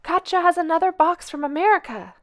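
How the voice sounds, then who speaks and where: A woman voicing a jolly, excitable postman, hollering happily in a storybook reading. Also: medium pitch, normal speed. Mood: excited. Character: excitable middle-aged Dutch postman, man.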